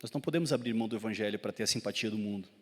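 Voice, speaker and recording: A man's voice: lowish voice, rapid-fire, a little mellow. A man with a Gaúcho Brazilian accent preaching a sermon as pastor, swelling in intensity and putting questions to the congregation. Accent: Gaúcho Brazilian Portuguese. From southern Brazil (Rio Grande do Sul). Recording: long church hall reverb.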